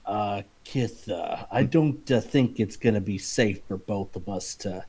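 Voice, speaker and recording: A man playing a tabletop game, narrating his character's actions and lines in a hesitant, deliberate way. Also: lowish voice, darkish tone, husky.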